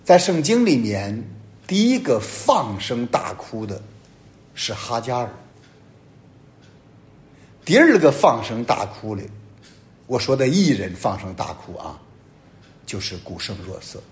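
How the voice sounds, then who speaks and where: Man preaching with sweeping pitch swings. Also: sing-song, unhurried, pauses often. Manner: emphatic preaching, sweeping rises and drops in pitch and loudness. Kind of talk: homily.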